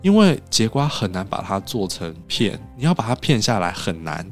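A man's voice: on the low side, moderate pace, soft background music. A man from Taiwan, a podcast guest telling stories in casual chat and acting out what people said. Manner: animated storyteller who acts out quoted dialogue.

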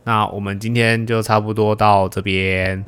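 A young man hosting a casual podcast chat, animated and teasing, swearing casually. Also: on the low side, moderate pace, smooth, soft background music. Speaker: podcast host.

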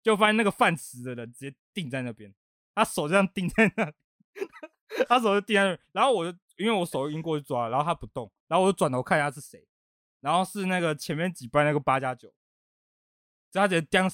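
Clean studio audio with no echo captures a higher-pitched man from Taiwan. As the podcast's host, he spins a quick, lively story in relaxed conversation, laughing a lot and voicing the quoted lines.

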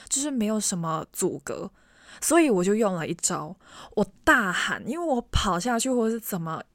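A woman's voice: medium pitch, no room sound. Chatty woman telling a story, dry sound. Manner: chatty, animated, speaks straight to the listener. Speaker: vlogger. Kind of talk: casual storytelling to camera.

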